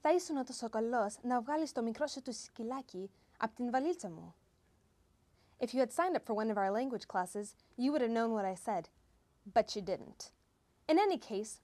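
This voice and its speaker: In a college's comedic promo newscast, a woman plays a field reporter, delivering a scripted mock TV news report in an exaggerated, peppy style. Her voice sits on the high side with a darkish tone, animated and at a moderate pace.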